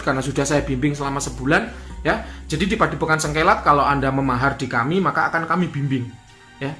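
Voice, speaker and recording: Bright-voiced man teaching. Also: fairly high pitch. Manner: repeats key points, asks rhetorical questions. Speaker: spiritual teacher. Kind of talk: instructional talk.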